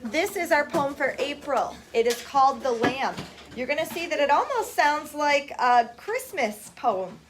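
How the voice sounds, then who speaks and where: High-voiced woman teaching phonics in a classroom, brisk, reads poems slow and singsong, faint hiss. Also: animated. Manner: brisk, reads poetry slowly with a lilt.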